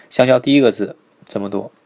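A man teaching a live online pronunciation lesson, patiently repeating each sound slowly and checking in with his students. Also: mid-range voice, gravelly, a little mellow. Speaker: Korean language teacher.

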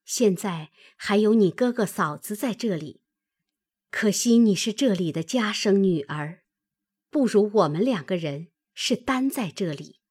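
A woman voicing a sensible young maid who reasons gently, in a read-aloud classic story. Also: mid-range voice, expressive, measured pace, husky.

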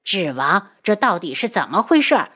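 Woman doing a bossy old empress, sharp, lively pitch. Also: a little slow. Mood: commanding. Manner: commanding, sharp. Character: stern angry old empress dowager.

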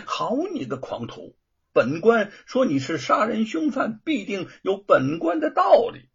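Corrupt sneering judge, man voicing, high gravelly voice. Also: wildly swooping pitch, slow, exaggerated voice. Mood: stern. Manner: gloating, bullying, sneering laughs. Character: scheming, gloating male magistrate, middle-aged. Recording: dull lo-fi recording.

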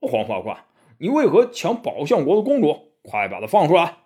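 A man voicing a boastful, pig-faced male warrior monk in a storybook tale, yelling brashly. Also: on the high side, wildly swooping pitch, normal speed, husky, voice pushed up, heavily acted. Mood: angry.

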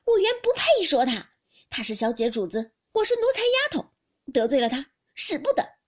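A woman reading a classic novel aloud, voicing a blunt, hot-tempered young noblewoman who speaks loudly and sarcastically. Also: sits high, sing-song, fast, voice pushed up, exaggerated voice. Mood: bitter.

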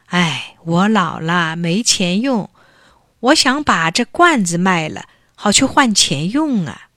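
A woman's voice: on the low side, animated, takes it slowly, fairly bright tone, no room sound, clean studio sound. Woman voicing a tearful old granny.

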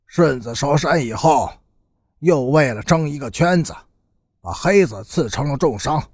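Narrator guy voicing a serious messenger for an audiobook, measured, husky and slow. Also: a little high, animated, dry recording, pitched below the performer's own voice, exaggerated voice. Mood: grave. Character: grave male messenger and bodyguard.

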